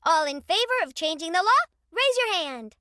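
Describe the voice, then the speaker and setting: A woman voicing an earnest, civic-minded young girl in an animated cartoon. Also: very high voice, moderate pace, heavy background noise. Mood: formal, decisive.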